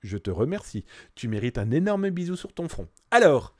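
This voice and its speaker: A man's voice: medium pitch, fairly quick. A man hosting a live cybersecurity news stream in a casual, jokey way, greeting viewers by name and reading their comments aloud. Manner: lively, swings between bursts and quiet asides.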